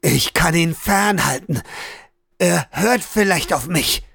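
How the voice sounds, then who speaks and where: Desperate father, agitated and pleading, as a narrator plays him, high and tight. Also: lively intonation, takes it slowly, creaky, bright, forceful tone, breathy edge, dry recording, studio quality, heavily acted. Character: frightened desperate husband and father.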